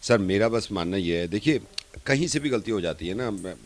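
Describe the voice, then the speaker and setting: A man's voice: lowish voice, animated, brisk. A male radio host on a prank phone call, talking in a soothing, apologetic, businesslike way.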